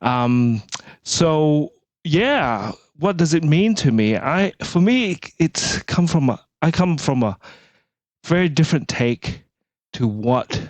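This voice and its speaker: A man's voice: on the high side, sing-song, takes it slowly, dry recording. A man, a guest speaking in an earnest, reflective way with frequent restarts. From Malaysia. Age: 40s. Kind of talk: casual interview talk.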